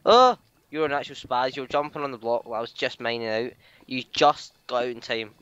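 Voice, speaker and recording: Male gamer, casual commentary, excitable and foul-mouthed, smooth voice, muffled lo-fi recording. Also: medium pitch, fast talker, dry recording. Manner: excitable, swearing, teasing.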